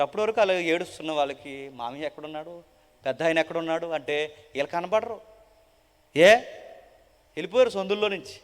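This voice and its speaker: Man, preacher, Telugu-speaking South Indian accent, dramatic gospel sermon, rhetorical questions, long hall echo. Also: high-pitched. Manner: swings from loud proclaiming to hushed, mournful tones; asks the crowd repeated rhetorical questions. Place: large gospel meeting hall.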